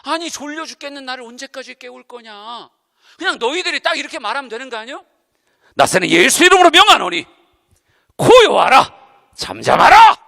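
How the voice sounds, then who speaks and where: A drowsy, impatient Jesus grumbles at being woken and booms out commands to the storm, as a preacher acts him out. The voice is bright and forceful with wide pitch swings. A long hall reverb trails each phrase. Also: male voice, lively intonation, quick pace, vocal fry, full character voice. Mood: grumbling. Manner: grumbling, then loud commanding. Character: sleepy, impatient Jesus scolding disciples.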